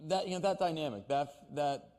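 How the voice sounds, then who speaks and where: A man's voice: fairly high pitch, fairly quick, a little mellow. A man interviewing actors on stage, asking questions with stammers and restarts. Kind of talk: onstage interview. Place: stage before an audience. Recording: reverberant hall.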